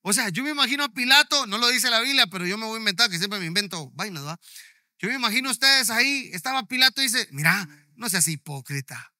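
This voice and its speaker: A man preaching a sermon in a high, ringing and forceful voice. He is emphatic and keeps checking in with his listeners. The sound is dry and close. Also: animated, quick pace, no echo. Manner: emphatic, often checking in with the audience. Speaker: pastor.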